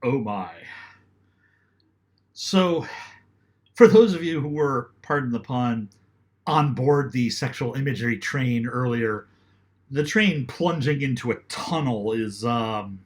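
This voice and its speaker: A man's voice: mid-range voice, expressive, slow, long pauses. Man lecturing with playful read-aloud lines. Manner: conversational, with dramatic readings of quoted lines. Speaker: teacher. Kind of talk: recorded class lecture.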